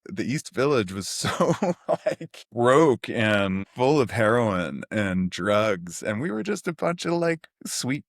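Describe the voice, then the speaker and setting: A middle-aged man from New City, telling stories as a podcast guest in a rambling, animated way full of fillers. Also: on the low side, takes it slowly, few pauses, no room sound, studio quality. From New York City (Queens). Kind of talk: casual storytelling interview.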